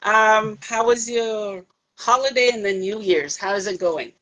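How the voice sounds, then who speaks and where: A woman's voice: mid-range voice, measured pace. A woman hosting a podcast over a live video stream on her phone, chatty and laughing often. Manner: chatty, laughs often, soft-spoken at the start. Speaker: podcast host. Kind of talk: casual live-stream chat. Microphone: phone on a live video call.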